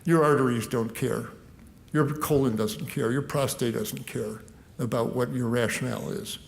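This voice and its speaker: A man, a physician, giving a lively, conversational health lecture that talks the listener through everyday food choices. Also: mid-range voice, moderate pace, gravelly. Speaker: physician giving a nutrition talk.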